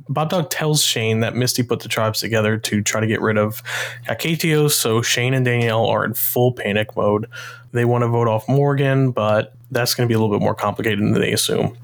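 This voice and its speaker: Casual man recapping a game. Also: medium pitch. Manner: chatty, retells events with quoted lines and swearing. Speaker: podcast host recapping a game.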